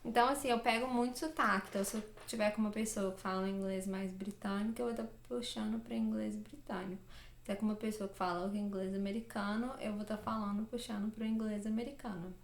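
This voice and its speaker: A woman's voice: medium pitch, fairly even intonation, quick pace. A young woman from Minas Gerais with a Minas Gerais Brazilian Portuguese accent, chatting casually to camera as a vlogger and rambling with many fillers and self-corrections. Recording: echoey room.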